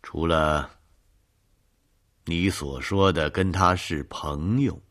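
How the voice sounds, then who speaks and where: A man doing a cool, quiet detective. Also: low-pitched, heavily acted. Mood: probing. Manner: quiet, measured, cold questioning. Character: calm, cool male police detective.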